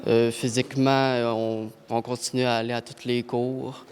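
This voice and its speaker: A man, an amateur boxer answering simply and haltingly. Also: mid-range voice, little pitch movement, a little mellow, slight background noise.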